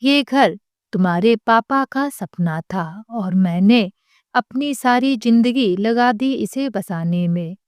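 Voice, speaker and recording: A woman voicing a frail, anxious elderly mother-in-law who speaks softly with a trembling voice. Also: on the high side, animated, takes it slowly, no room sound, clean studio sound. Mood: pleading, gentle. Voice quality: trembling, soft-spoken.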